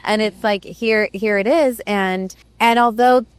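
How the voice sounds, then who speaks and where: A woman's voice: mid-range voice, fairly even intonation, a little slow, clean tone, no echo. A woman host raised in the Middle East, musing thoughtfully in conversation with many "right"s and "like"s. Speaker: podcast host. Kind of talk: reflective conversation.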